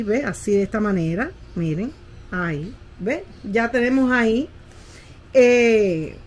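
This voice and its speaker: A middle-aged woman, teaching how to paint a landscape in a casual tutorial and often checking that the viewer follows. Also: on the high side. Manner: patient, keeps asking "¿ve?" while demonstrating.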